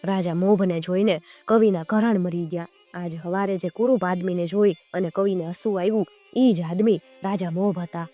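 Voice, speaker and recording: A woman's voice: lowish voice, fairly even intonation, normal speed, hardly any pauses. Woman narrating a folk tale. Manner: acts out dialogue in dialect. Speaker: storyteller. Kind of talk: children's story narration. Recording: soft music behind.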